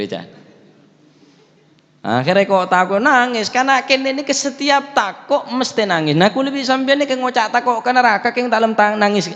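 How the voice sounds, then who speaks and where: A man giving a sermon on a religious text, mixing Madurese and Javanese words into Indonesian and reciting Arabic verses, swinging between loud high exclamations and quiet low asides. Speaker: preacher teaching a religious text. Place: prayer room. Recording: dull livestream audio with long reverb.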